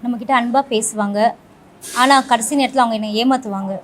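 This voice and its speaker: A woman's voice: fairly high pitch, steady tone, fairly quick, a little hiss or hum. A woman interviewer who asks questions politely and respectfully, calling him sir.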